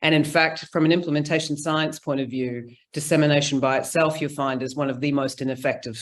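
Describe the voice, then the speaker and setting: A conference speaker talks through a presentation over a video call. The delivery is informal and conversational, full of ums and small restarts, at an ordinary middle pitch. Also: fairly even intonation, a little fast. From New Zealand. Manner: chatty, informal, frequent ums. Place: indoor room, remote.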